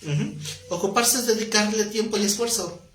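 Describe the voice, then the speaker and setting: Guy teaching bible class, fairly high voice, roomy echoey classroom, keeps tossing questions at the students. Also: a bit bright, soft background music. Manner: conversational, quizzes the class with quick questions.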